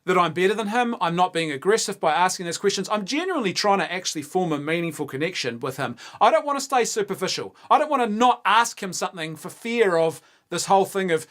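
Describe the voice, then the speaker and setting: A man's voice: sits high, lively intonation, fast talker, hardly any pauses, fairly bright tone. A man, co-hosting a casual debate, arguing his point earnestly and insistently, with stumbling restarts. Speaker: co-host.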